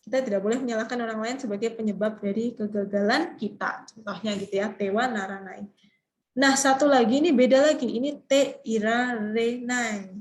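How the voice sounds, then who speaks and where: A woman's voice: a little high, fairly quick, darkish tone, rough recording. A woman teaching Japanese grammar in an online class, explaining patiently and calling on students to read.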